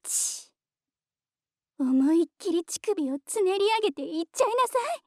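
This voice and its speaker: A high, mellow-toned mistress, voiced by a woman, who teases and gives orders in a slow, coaxing manner. She slips often into soft whispers in this ASMR roleplay. The sound is close and dry. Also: expressive, dry recording. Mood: teasing, commanding. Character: teasing dominant adult woman, commanding and condescending.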